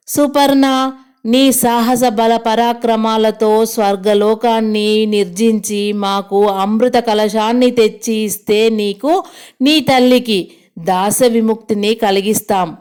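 Slow, smooth-voiced woman reading an epic. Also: fairly high pitch. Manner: slow, even reading, quoted lines kept close to her own voice. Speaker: storyteller. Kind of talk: reading an epic aloud in simple retelling.

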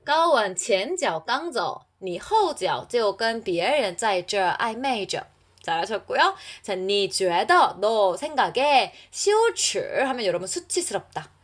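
A young adult woman teaching a language lesson in an encouraging way, reading practice sentences slowly for learners. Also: mid-range voice. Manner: lively, encouraging, reads Chinese lines slowly for learners.

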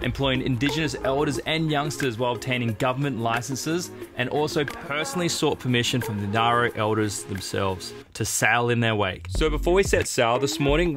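Laid-back young Australian sailing vlogger. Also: male voice, medium pitch. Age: young adult. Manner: excited, laid-back, laughing often. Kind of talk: casual vlog chat and voice-over narration. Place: catamaran cabin and deck. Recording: music playing underneath.

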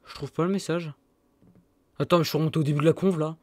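A young man streams a game while casually voice-chatting with friends, laughing often and scrolling through old messages. He speaks fast in a fairly high, steady voice with no room sound.

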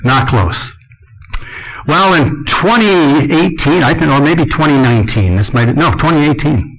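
Older male conference speaker, slightly high voice, lively storyteller who acts out the lines of the people he quotes. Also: normal speed, a little hiss or hum, rough recording. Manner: animated storyteller, acting out quotes.

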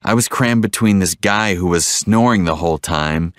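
A man reading one side of a scripted English-lesson dialogue, repeating each line slowly and clearly. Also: low-pitched, a bit bright, dry recording, studio quality.

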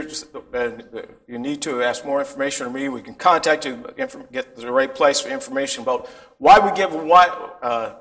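A man's voice: fairly high pitch, creaky, fairly bright tone. An older man giving informal church announcements from a pulpit in a sanctuary, with frequent restarts. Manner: informal, rambling, many restarts. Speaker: pastor.

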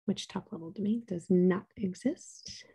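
Calm, husky-voiced woman. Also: medium pitch, a little slow. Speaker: meeting staff running the polls. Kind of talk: casual online meeting. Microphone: video call.

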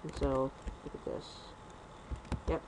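A young man rambling through casual gameplay commentary at home on a computer mic, talking fast and correcting himself. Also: background noise. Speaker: gaming commentator.

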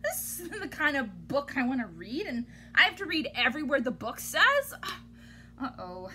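This animated read-aloud comes from a woman in her thirties with a high, sing-song voice that is bright and forceful at normal speed. Like a teacher, she dramatizes the picture book with playful exasperation and exaggerated theatrics, recorded in a small room at home with noticeable background noise.

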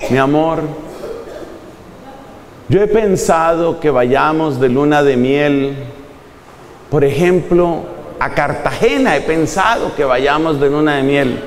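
A man voicing a gentle new husband speaking softly and coaxingly to his bride. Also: on the high side, slow pace, pauses often, reverberant, long reverb tail, slight background noise, poor audio. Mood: tender. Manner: soft, coaxing.

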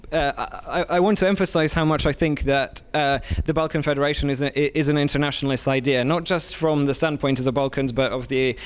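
A man's voice: mid-range voice, smooth. Earnest young man at a handheld mic. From Serbia. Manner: earnest, hesitant with many fillers and restarts, gesturing. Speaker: audience member speaking at a panel. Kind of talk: impassioned public comment. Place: conference hall.

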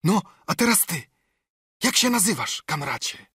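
A man's voice: sits high, normal speed, husky, no echo, clean studio sound, voice pushed up, exaggerated voice. A man voicing a half-mad marooned castaway who is eager, wheedling and keeps repeating himself. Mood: excited. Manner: excitable, pleading, repeats himself.

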